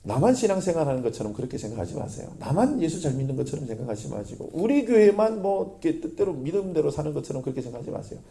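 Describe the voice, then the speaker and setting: A man preaching a sermon as pastor, lively, often asking the congregation questions. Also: fairly high pitch, very fast, creaky, hardly any pauses.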